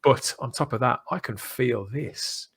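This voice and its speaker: This middle-aged man hosts a podcast in an unhurried, mid-pitched voice that is husky with a fairly bright tone. Effusive and emphatic, he meanders through an enthusiastic, casual fan-to-fan discussion.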